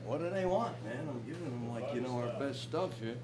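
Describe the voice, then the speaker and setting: A man's voice: mid-range voice, expressive, fairly quick, a loud crowd. A man performing a live comedy set, telling bar jokes with rambling, wisecracking patter between them.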